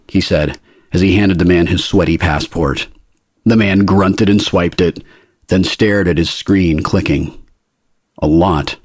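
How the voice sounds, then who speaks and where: A man narrating a story in an even, wry manner on a close mic. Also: extremely low pitch, slightly rough, dry recording. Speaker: audiobook narrator. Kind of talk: scripted narration.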